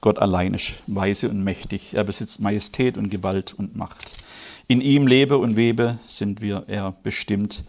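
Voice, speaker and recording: A German-speaking man preaching a sermon, moving from quiet, measured delivery to loud, high, emphatic passages. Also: gravelly. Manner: grows loud and high-pitched when stirred, slow emphatic stresses.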